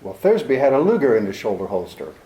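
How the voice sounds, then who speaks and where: A man's voice: medium pitch, very animated, quick pace, warm tone, natural voice. A man playing a cynical, tough private detective with a wry, clipped, world-weary delivery, in 1940s radio drama style, in a roomy recording.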